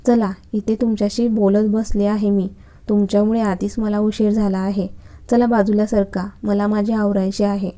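A woman's voice: medium pitch, level tone, normal speed, mellow, lightly acted. A woman reading the lines of a cheeky young woman student in a storybook romance, teasing and talking back.

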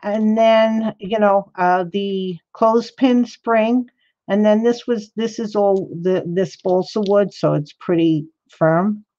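Speaking slowly in a mellow, mid-range voice, a woman rambles to her livestream audience as she crafts. She replies to chatters by name, and the stream audio is lo-fi and slightly dull.

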